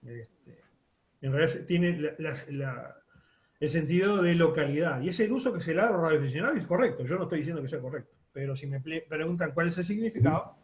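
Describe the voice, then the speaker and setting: A man's voice: fairly high pitch, reverberant. A man teaching a radio course, explaining step by step with many fillers and restarts. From Uruguay. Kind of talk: online class lecture.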